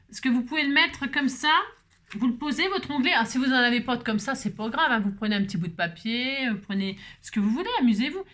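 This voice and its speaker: A woman talks viewers through a paper craft project at her home table, rambling along with plenty of fillers. Her voice sits a little high and has a slight hoarseness today. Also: fairly bright tone. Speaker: crafting tutorial host. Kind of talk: chatty crafting tutorial.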